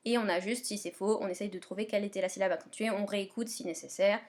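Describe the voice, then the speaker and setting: A woman's voice: medium pitch, fairly even intonation, fast talker, darkish tone. A woman teacher guiding pupils step by step through their remote English homework, often checking they follow. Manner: patient, step-by-step, checks understanding. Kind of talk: remote lesson instructions.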